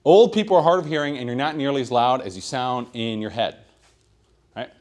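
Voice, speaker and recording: A man giving a sales training talk at a meeting, projecting loudly and checking in with "right?" after his points. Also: medium pitch, brisk. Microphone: room microphone.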